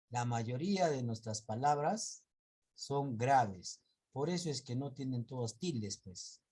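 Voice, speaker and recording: A man with a slightly rough, dark, mid-range voice teaches an online class. He patiently draws out example words, often corrects himself, and checks in with his students.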